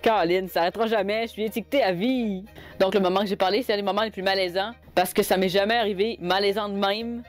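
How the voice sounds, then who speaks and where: A woman's voice: medium pitch, steady tone, faint music behind. A young woman with a Québécois French accent, telling cosplay stories to camera in a chatty, exasperated way. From Quebec. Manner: chatty, exasperated, quick asides. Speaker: cosplay vlogger. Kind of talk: casual storytelling to camera.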